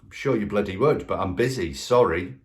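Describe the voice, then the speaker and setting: A man's voice: fairly low pitch, animated, brisk. Punchy man coaching sales. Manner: punchy, emphatic, asks rhetorical questions. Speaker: sales trainer. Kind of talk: direct-to-camera coaching talk.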